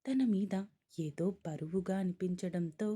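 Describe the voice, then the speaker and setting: A woman narrating a romance story in a steady, plain manner. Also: fairly low pitch, a little slow, breathy edge.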